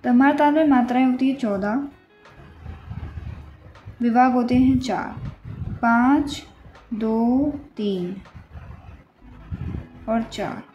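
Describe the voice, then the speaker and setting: A woman's voice: on the high side, slow pace, long pauses, warm tone, dull audio. A woman teaching a music lesson, patiently counting beats and reciting rhythm syllables one by one.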